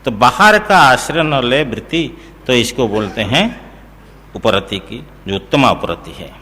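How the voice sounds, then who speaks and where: A man as a spiritual teacher, giving a scripture discourse in a slow, explanatory way, chanting verses and checking that listeners follow. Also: medium pitch, lively intonation, pushed and bright, long reverb tail.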